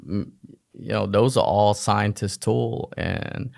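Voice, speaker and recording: This podcast guest, a physician, speaks slowly in a fairly low, slightly mellow voice with vocal fry. Chatting casually, he tells stories from his life and teases himself with rhetorical questions. He's from the United States, of Vietnamese family, and was raised in Oklahoma among other places.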